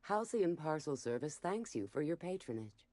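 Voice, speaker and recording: A low-voiced formal counter clerk. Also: female voice, very animated, normal speed, mellow, no room sound. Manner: formal, scripted customer service.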